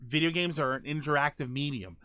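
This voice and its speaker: A gaming show host and streamer chats casually with viewers, answering live comments and thinking aloud in a rambling, conversational way. His voice is slightly high, brisk, and sharp in tone, with no room sound.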